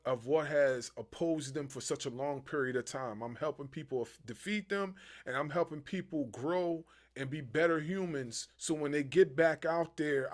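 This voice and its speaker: A man hosting a wrestling podcast, chatting casually and animatedly with lots of fillers. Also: mid-range voice. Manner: animated, rambling with many fillers. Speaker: podcast host. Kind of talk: casual interview chat.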